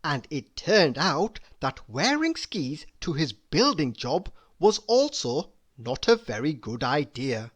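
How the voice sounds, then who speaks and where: In a husky, sing-song voice, a storyteller reads a children's book aloud at a slow, careful pace. The pitch rises and falls dramatically from one phrase to the next, and key words get stretched out.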